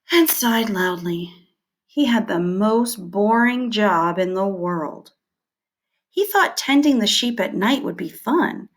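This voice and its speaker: In a mid-range voice, a woman who teaches delivers a scripted educational text, her reading clear, measured, and full of expression.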